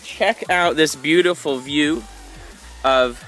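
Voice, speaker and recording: This young man, a meetup organizer, is upbeat and enthusiastic as he pitches his group in a casual outdoor vlog beside a spring. He talks slowly in a fairly bright, higher-leaning voice. His phone camera, held at arm's length, captures him over background music.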